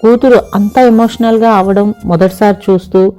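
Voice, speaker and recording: A woman reading a family story aloud as the narrator of an audiobook channel, steady and expressive. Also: medium pitch, moderate pace, soft background music.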